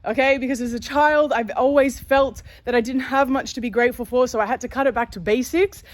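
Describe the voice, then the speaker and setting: A woman's voice: high voice, steady tone, a little fast, dry recording. A woman vlogs casually, chatty and candid, with a slight lisp from wearing a dental retainer. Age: 30s. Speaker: vlogger. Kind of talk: casual chat to viewers.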